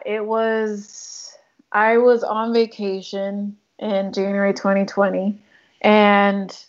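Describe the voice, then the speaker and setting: On a muffled recording, a woman with a medium-pitched voice talks in a chatty, casual way as an interview guest. She's a photographer and filmmaker from the Democratic Republic of Congo who uses lots of likes and ums.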